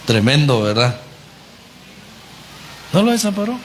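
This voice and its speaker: A man preaching a conversational sermon, animated and often putting rhetorical questions to the congregation. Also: on the high side, unhurried, a little hiss or hum.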